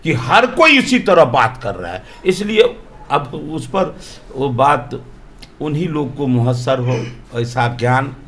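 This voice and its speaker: A man's voice: medium pitch, sing-song, measured pace, fairly bright tone, slight background noise. A man, a politician from Bihar, answering interview questions in an emphatic, argumentative way full of rhetorical questions.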